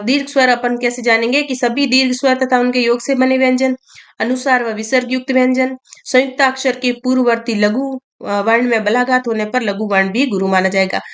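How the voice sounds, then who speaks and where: Higher-pitched woman teaching grammar. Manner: slow and explanatory, repeating key terms and asking herself questions. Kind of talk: explaining Hindi grammar to students.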